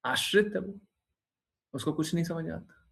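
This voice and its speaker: A man's voice: on the high side, normal speed, vocal fry, fairly bright tone, husky. A man who is a spiritual teacher, giving an informal devotional talk to his followers, teasing them and repeating his phrases. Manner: teasing, repeats phrases, frequent "हैं?" tag questions.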